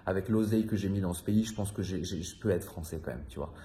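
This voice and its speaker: His voice sits low and mellow, and he talks fast. He is a French vlogger in his thirties delivering a rambling, loose monologue to his viewers, confiding and slangy, with casual swearing and lots of fillers and repetition.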